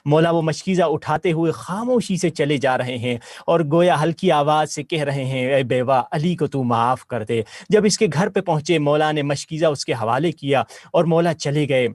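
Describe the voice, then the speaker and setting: A man's voice: fairly high pitch, few pauses, darkish tone, no echo, clean studio sound. A man, a religious scholar, telling a devotional story in a sermon, earnest and repeating key phrases for emphasis. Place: live broadcast studio.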